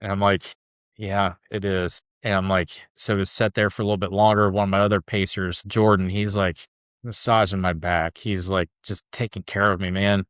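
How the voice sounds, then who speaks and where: A man's voice: deep voice, little pitch movement, brisk, fairly bright tone, no room sound, clean studio sound. A man as a podcast guest, telling a personal story in a loose, chatty way full of "like" and "dude". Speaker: podcast guest, ultra runner. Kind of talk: casual storytelling interview.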